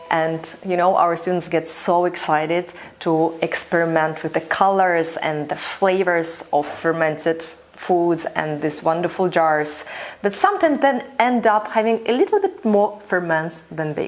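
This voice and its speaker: A Russian fermentation teacher and channel host talks to camera in an instructional video, her low voice animated but a little slow. She is enthusiastic and conversational, and she says "you know" often.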